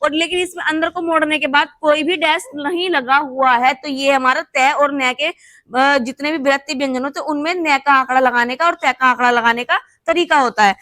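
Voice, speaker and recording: A woman's voice: sits high, steady tone, moderate pace, sharp tone, dry recording. A woman teaching a shorthand class, patiently explaining each step as she writes and checking in with the class as she goes. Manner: patient, repeats steps with "thik hai" checks. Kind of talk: explaining while writing on a board.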